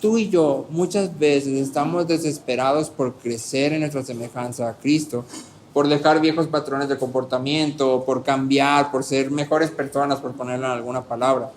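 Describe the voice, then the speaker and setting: A man preaching a sermon as a pastor, animated, asking rhetorical questions and swinging between soft and loud delivery. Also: mid-range voice, normal speed, slight background noise.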